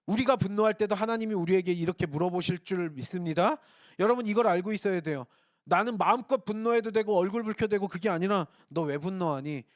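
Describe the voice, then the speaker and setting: A man's voice: high-pitched, quick pace, dry recording, clean studio sound. A man, a pastor, preaching a Sunday sermon earnestly, often calling on his congregation and acting out short lines of dialogue. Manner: earnest, addresses congregation repeatedly, acts out dialogue.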